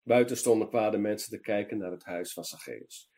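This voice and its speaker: A man reading a children's Bible story in a lively storytelling manner for a meditation program. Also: lowish voice, moderate pace.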